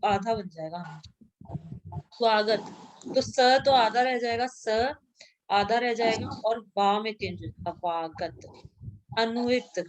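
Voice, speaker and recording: A woman's voice: a little high, slow, pauses often, a little hiss or hum. A woman teaching a grammar lesson to a class, patiently repeating sounds aloud and checking that students follow.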